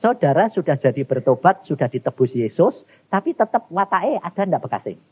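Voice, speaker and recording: Animated husky male preacher, lo-fi. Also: brisk. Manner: animated, swings between high exclaims and low murmurs, addresses congregation directly. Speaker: evangelist preacher. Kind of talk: sermon. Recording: dull lo-fi church recording.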